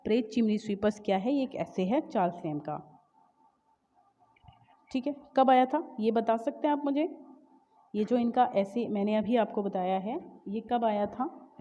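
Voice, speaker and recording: A woman teacher with a fairly high, mellow voice works through exam-prep questions, switching between Hindi and Indian-accented English. She reads each question out slowly, then explains it with fillers and self-corrections. The sound is dull and lo-fi, with a long reverb tail. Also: animated.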